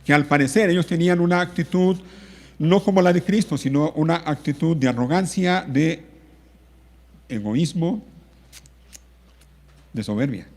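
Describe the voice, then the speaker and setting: A man delivers a sermon from the pulpit with a fairly high voice. He drives his points home through repetition and slow, stretched words. His voice rings out with the long reverb of a church hall. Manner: repetitive emphatic preaching, stretching key words. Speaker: pastor.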